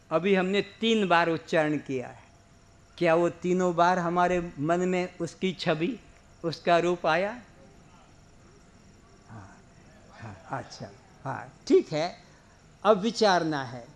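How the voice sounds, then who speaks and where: A man giving a spiritual discourse to a seated audience, explaining slowly and asking them questions. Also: on the high side. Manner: leads slow drawn-out chanting. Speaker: spiritual teacher.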